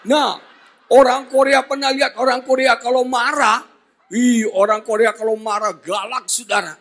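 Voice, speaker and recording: A male pastor with a husky, high voice delivers a lively sermon. He jokes, shouts and keeps asking the congregation questions. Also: normal speed. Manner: energetic, jokey, often shouting, asks the congregation questions. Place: church hall.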